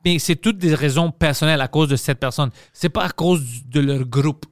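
A man's voice: a little high, moderate pace, dry recording, studio quality. Podcast host, male, slight Greek accent, punchy and repetitive delivery, raised voice. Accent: slight Greek accent in French. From Montreal. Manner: animated, emphatic, repeats himself. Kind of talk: casual podcast chat.

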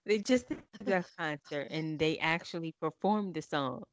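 A woman with a fairly low voice co-hosting a casual podcast call. She explains at length and thinks aloud, and her voice sounds dry and close with no room echo. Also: normal speed. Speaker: podcast co-host. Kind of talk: casual chat.

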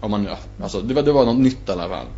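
A man talking as a podcast guest in a casual storytelling style, animated and acting out his own past reactions. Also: lowish voice, soft background music. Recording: muffled lo-fi with faint hum.

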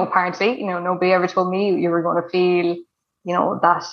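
A woman's voice: fairly low pitch, a bit bright, lo-fi sound. Chatty woman with west of Ireland accent. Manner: chatty, emphatic, repeats words for emphasis. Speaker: interview guest. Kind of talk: casual personal storytelling.

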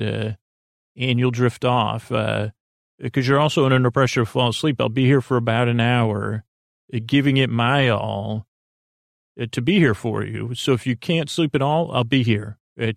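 This sleep-podcast host winds through a quiet, self-deprecating bedtime ramble, hesitating and cutting himself off mid-sentence. His creaky voice keeps a fairly even intonation at normal speed. The recording is clean studio sound, free of echo.

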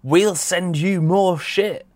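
A man's voice: high voice, takes it slowly, a little mellow, no echo. A man co-hosting a podcast with casual, cheeky banter. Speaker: podcast co-host.

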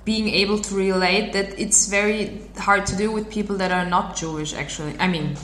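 A young adult woman in casual chat, talking loosely with pauses and restarts and some swearing. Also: medium pitch, fairly even intonation, a bit bright. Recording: echoey room, faint background noise.

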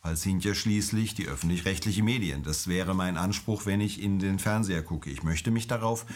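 A middle-aged emergency doctor with a low-pitched voice answers interview questions, explaining things in a calm and measured way.

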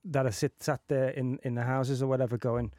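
A man's voice: mid-range voice, little pitch movement, brisk, a little mellow, dry recording, studio quality. A man hosting a podcast in casual chat, easygoing, with many fillers and agreeing "yeah"s. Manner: easygoing, lots of "you know" and "yeah". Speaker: podcast host.

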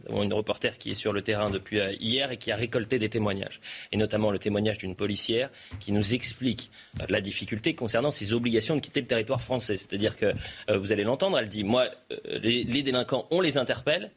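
A man hosting a TV news debate, his voice low and husky. He talks in a loose, conversational way and often pauses to hesitate. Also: steady tone. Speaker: TV debate host.

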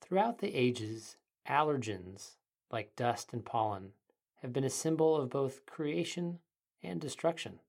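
A person narrating a guided meditation in a soft, soothing, breathy voice, gently and in measured phrases with short pauses. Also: medium pitch, expressive. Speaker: guided meditation podcast host.

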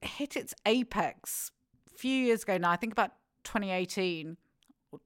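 A woman's voice: medium pitch, normal speed. A middle-aged woman, hosting a podcast and telling gossipy stories in a chatty way. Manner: chatty, gossipy storytelling with laughs. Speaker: podcast host. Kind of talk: casual chat.

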